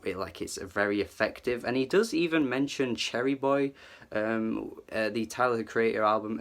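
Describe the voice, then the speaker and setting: A man with a medium-pitched, slightly bright voice gives a casual, enthusiastic album review. He's a music reviewer who talks it through in a chatty way, heavy on fillers and hedging with "like" and "kind of."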